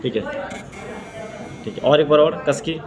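A man teaching a science demonstration lesson, explaining step by step and filling pauses with "okay" and "friends". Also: fairly high pitch, highs cut off, crowd noise. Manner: repeats "theek hai" and "doston" often.

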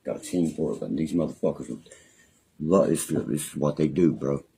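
Rumbling low, mellow and slightly rough, this young man's voice moves at a moderate pace, with a West Virginian accent. He is on a phone live stream in a small room at home, ranting angrily and rambling, with threats and constant swearing.

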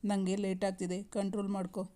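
A woman narrator voicing an affectionate young husband, a busy businessman, who gently coaxes and reassures his wife. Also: medium pitch, monotone, fairly quick, natural voice. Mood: coaxing.

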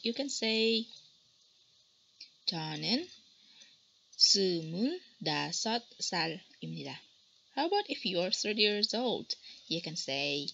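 A woman in her twenties from the Philippines, teaching beginner phrases slowly and carefully, repeating each one for practice. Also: on the low side, vocal fry, bright, forceful tone. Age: 20s. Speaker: language teacher and blogger. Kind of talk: beginner language lesson. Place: small room, indoors. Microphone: webcam at desk distance. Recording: dull lo-fi webcam sound with faint noise.

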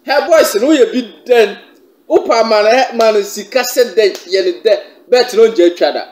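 A man's voice: high voice, expressive, moderate pace, darkish tone, echoey room. A Ghanaian man in his thirties presenting a vlog indoors, chuckling and mixing English with a local language. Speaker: video blogger presenting a trending clip. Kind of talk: vlog commentary. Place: indoors by a staircase.

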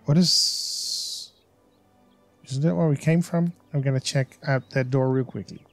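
A man's voice: medium pitch, steady tone, unhurried, faint music behind. Chatty man commenting on gameplay. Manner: enthusiastic, chatty, thinks aloud. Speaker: let's play host.

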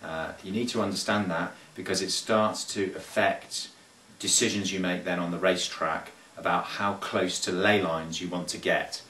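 Here a sailing coach in his thirties talks to camera in a casual instructional way, his low voice bright and forceful with fairly even intonation. He hesitates a lot, using frequent fillers and restarts as he thinks. A camera mic a few feet away in a small carpeted room gives echoey, distant audio with slight background noise.

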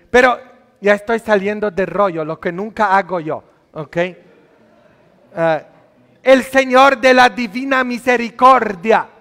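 A man's voice: sits high, gravelly, a bit bright, long reverb tail. A male priest giving a sermon, teasing and scolding the congregation with many questions. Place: church.

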